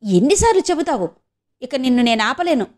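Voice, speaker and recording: A woman's voice: sits high, big pitch swings, brisk, a little mellow, voice pushed up. A woman voicing an anxious, pleading middle-aged mother. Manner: pleading, flustered.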